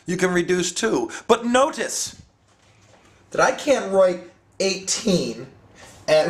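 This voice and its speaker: Man, math teacher, fairly high-pitched, playful, jokey, rhetorical questions, casual lesson. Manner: playful, jokey, talks to students as dudes; thinks aloud with many ums and rhetorical questions.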